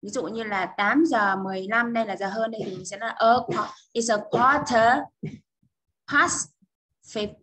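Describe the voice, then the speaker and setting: A woman with a Vietnamese accent gives a bilingual English lesson. Her voice is fairly high and a little husky. She slows down for the English phrases and keeps checking that her students follow. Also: bright, forceful tone, low-quality recording. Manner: explains step by step, often checks with "được chưa?". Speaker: English teacher.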